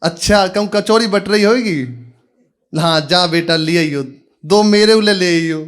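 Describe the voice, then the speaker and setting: Guy doing a stubborn deaf old braj granny, high and slow, mishears everything. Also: smooth. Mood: scolding mishearing. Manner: rustic dialect, mishears and bickers. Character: old half-deaf village mother, stubborn and proud.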